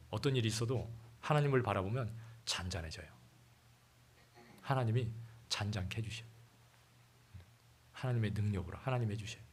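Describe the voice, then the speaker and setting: A man's voice: lowish voice, slightly rough. A man preaching a sermon in a church, talking with the congregation, asking them questions and reading scripture aloud. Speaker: pastor.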